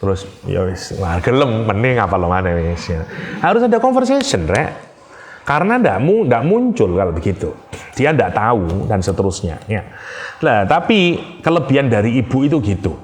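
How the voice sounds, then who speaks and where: A man's voice: lowish voice, normal speed, a little hiss or hum. A middle-aged man with an East Javanese accent, giving a conversational Quran commentary lecture and acting out the dialogues he tells. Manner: conversational, acts out dialogues with lively voices. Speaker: Islamic preacher and lecturer.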